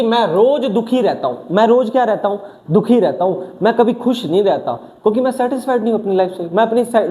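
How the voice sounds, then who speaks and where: A man teaching an exam vocabulary class, constantly asking questions and answering them himself in a lively way. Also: high voice. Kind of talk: exam coaching lesson.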